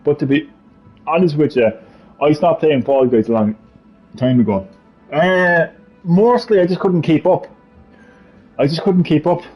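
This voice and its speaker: An Irish livestream host with a Cork accent rants, jokes and curses a lot, in an unhurried, slightly high and mellow voice broken by long pauses. Faint music plays behind the slightly muffled stream audio.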